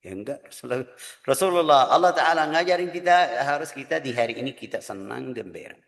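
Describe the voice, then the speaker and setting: Casting: male preacher, earnest and animated, long hall reverb. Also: medium pitch, brisk, creaky. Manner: earnest, lively preaching with quoted voices. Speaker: religious teacher. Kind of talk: Quran study lecture.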